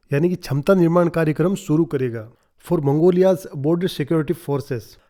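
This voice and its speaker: A man with an Indian accent teaching English by reading newspaper lines slowly and explaining each word quickly. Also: fairly high pitch, dark tone. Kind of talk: newspaper reading lesson with translation.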